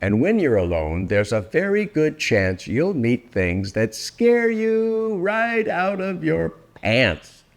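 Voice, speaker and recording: An older man reading a rhyming children's book aloud in a theatrical, deliberate way, drawing out words for effect. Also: fairly high pitch, very animated. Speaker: storybook reader.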